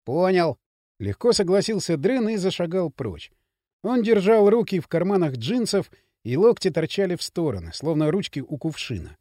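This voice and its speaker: A man reading an audiobook in an expressive narration style. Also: dry recording, studio quality. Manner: expressive reading with quick pitch swings. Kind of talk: scripted narration.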